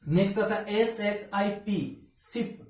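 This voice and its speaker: A woman teacher gives a phonetics lesson in a mellow tone, asking a question and then answering it herself. She sounds a little distant from the mic, in a strongly echoing room. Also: medium pitch, steady tone, slow pace. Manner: asks questions and answers them herself, spells letters out. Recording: echoey room, from far off.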